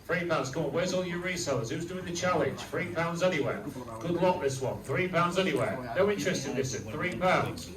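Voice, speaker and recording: A man's voice: on the high side, fairly quick. Distant, echoey British male auctioneer chanting bids. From United Kingdom. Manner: repetitive clipped number calls with bantering asides. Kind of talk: auctioneer's bid-calling chant. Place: busy auction room. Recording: distant echoey room with loud crowd. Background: loud crowd chatter.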